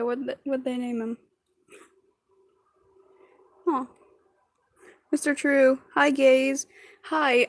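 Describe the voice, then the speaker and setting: A woman's voice: a little high, a bit bright. A woman casually reading fan fiction aloud on a livestream, often giggling, tripping over words and chatting with her viewers. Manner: giggly, stumbles over words and chats with viewers between lines.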